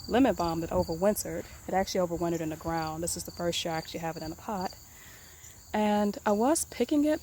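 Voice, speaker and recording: A woman giving a casual tour of her herb garden, talking in a relaxed, rambling way with many ums and repeated words. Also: mid-range voice, a little hiss or hum. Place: outdoor garden. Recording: outdoor recording with crickets chirping behind. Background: crickets and insects.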